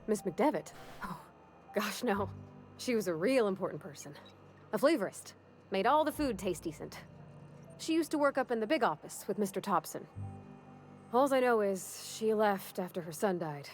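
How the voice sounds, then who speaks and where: A woman's voice: medium pitch, lively intonation, moderate pace, soft background music, close to an everyday voice. A woman voicing a plain-spoken, working-class townswoman in video game dialogue, with a homespun drawl and country grammar. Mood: folksy, wistful.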